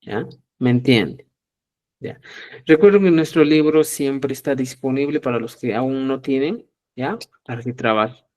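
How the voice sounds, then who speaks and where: A middle-aged man teaching a live Quechua lesson, lively and acting out both sides of short dialogues, often checking with viewers and calling them dear friends. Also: mid-range voice, unhurried. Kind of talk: live online language lesson.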